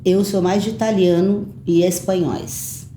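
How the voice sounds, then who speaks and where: Mellow-voiced chatty woman in her fifties. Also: lowish voice, steady tone, unhurried. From São Paulo, Brazil. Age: 50s. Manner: chatty, storytelling. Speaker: podcast guest. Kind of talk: casual conversational interview. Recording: roomy with faint noise.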